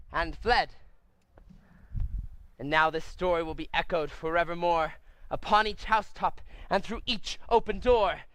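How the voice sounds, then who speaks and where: A man voicing a jolly storyteller who gathers children in a cartoon, animated and sing-song. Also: high-pitched, clear, resonant tone, no room sound.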